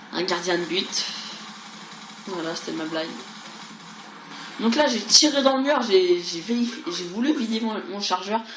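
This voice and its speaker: A woman talks casually over gameplay in a roomy, echoing space. She rambles, repeating and stumbling over words. There is clear noise behind her mid-pitched voice. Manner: mild crude swearing. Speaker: gaming video creator. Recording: roomy echo, clearly noisy background.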